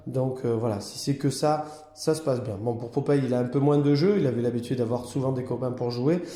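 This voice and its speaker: A man's voice: brisk, mellow, reverberant. A man who runs a cat hotel, chatting casually through a vlog and now and then cooing at the cats. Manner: chatty, talks baby-talk to the cats in a higher voice.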